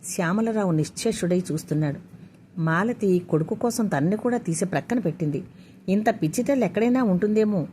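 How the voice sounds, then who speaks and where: Woman reading a story, steady. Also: mid-range voice, a little fast, a little hiss or hum. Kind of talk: scripted story narration.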